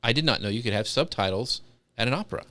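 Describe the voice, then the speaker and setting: Chatty man with a bright, dry voice. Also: mid-range voice, lively intonation, fast, no echo. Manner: chatty, rambling, with many ums and restarts. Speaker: podcast co-host. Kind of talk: casual live podcast chat.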